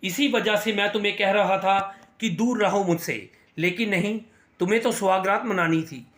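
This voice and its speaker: A harsh, scolding young husband with a high-set voice, read by a male narrator. The recording has a roomy echo. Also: fairly bright tone. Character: angry domineering young husband.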